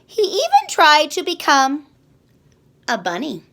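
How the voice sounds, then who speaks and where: A woman reading a children's picture book aloud, slow and expressive. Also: high voice, gravelly. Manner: slow, expressive, sing-song. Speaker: storyteller.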